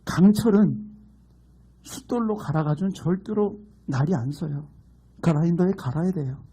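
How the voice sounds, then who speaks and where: A man's voice: fairly high pitch, moderate pace, mellow, breathy edge. A middle-aged man from Gangwon Province preaching a sermon as pastor, emphatic and mixing in humorous folksy stories. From Gangwon Province, Korea.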